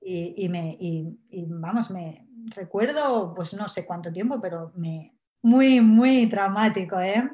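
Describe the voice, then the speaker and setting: A woman, nervous, telling her own story in an interview with halting speech and many restarts. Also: on the low side, animated, a little mellow, reverberant. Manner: halting, frequent tag questions and restarts. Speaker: interview guest. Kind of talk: personal storytelling.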